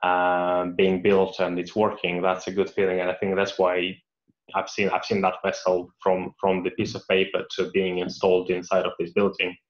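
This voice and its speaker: With many fillers and restarts, a hesitant mechanical engineer fields read-aloud questions during a career Q&A. He is a man whose first language is Russian, speaking at a normal pace in a low, flat voice, captured in dull, lo-fi audio.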